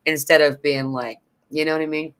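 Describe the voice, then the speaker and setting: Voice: brisk, clean tone. Chatty host on a live stream, lots of um and you know, voice jumps up and down. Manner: chatty, greets viewers and reads comments aloud; lively pitch swings, frequent fillers. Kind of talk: casual live-stream chat. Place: New York City.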